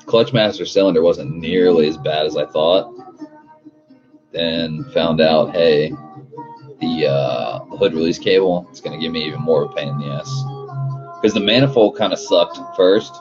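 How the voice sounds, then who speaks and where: A man's voice: a bass voice, normal speed. A man talking like a frat bro, full of "dude" and swearing, chatting casually on a livestream as he hosts and answers viewers. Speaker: car livestream host. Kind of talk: casual livestream chat, reading out viewer comments. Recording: muffled audio with loud music behind. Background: loud music.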